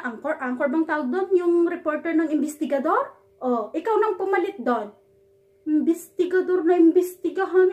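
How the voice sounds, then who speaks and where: A woman from the Philippines vlogging a reaction, scolding and mocking with sarcasm, often stumbling and repeating words. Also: extremely high pitch. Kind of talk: ranting reaction vlog.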